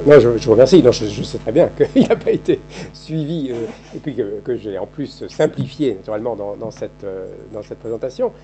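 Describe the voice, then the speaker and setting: A man in his fifties with a dark, mellow voice, giving an academic seminar lecture. He thinks aloud as he goes, circling back through halting restarts and repeated words. The sound is dull and lo-fi, like an old archive tape of a seminar room. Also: medium pitch. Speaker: historian giving a seminar talk.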